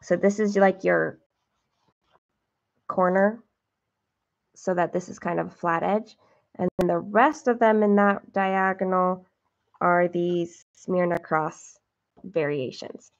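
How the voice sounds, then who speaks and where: Slow gravelly woman chatting while stitching. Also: on the low side, fairly even intonation, highs cut off. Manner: chatty, self-deprecating, talks to viewers while counting stitches. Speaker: cross-stitch livestream host. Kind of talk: casual stitching livestream chat.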